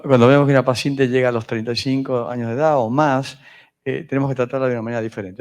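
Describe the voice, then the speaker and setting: With a medium-pitched, slightly mellow voice, the man from northern Argentina delivers a fertility lecture in his northern Argentine Spanish accent. He hesitates a lot, stopping often, using fillers, and restarting his sentences.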